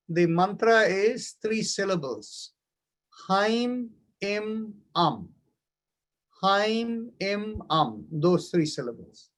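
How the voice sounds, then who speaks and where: A man teaching an online yoga class, calmly guiding a silent mantra meditation with slow, measured instructions. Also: sits high. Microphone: online class microphone.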